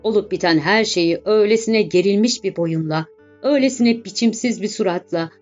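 Woman narrating a classic novel. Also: mid-range voice. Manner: measured, expressive reading with dramatic pauses. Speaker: audiobook narrator. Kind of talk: scripted literary narration. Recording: dull lo-fi audio with faint background music.

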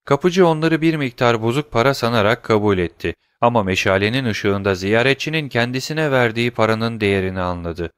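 A man narrating an audiobook in a calm, steady reading manner. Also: mid-range voice, fairly quick, hardly any pauses, clean tone, no room sound, studio quality.

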